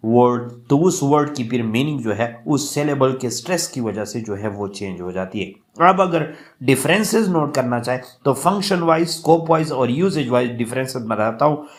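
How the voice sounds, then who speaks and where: Man explaining slowly in a lecture. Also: medium pitch, animated. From Pakistan. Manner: slow, reading English examples aloud and explaining. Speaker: teacher.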